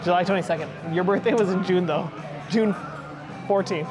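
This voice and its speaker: Animated joking young man, high voice. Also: normal speed, a crowd in the background. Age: young adult. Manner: animated, joking, rambling storyteller. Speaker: friend and co-host. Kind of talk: casual chat. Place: dim brewery taproom, indoors. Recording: music clearly underneath. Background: music playing.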